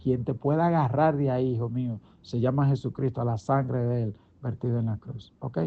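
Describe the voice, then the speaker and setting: A man's voice: medium pitch, fairly even intonation, brisk, vocal fry. A middle-aged man, a pastor preaching a daily devotional in an emphatic, conversational way, full of rhetorical questions. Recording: dull lo-fi recording.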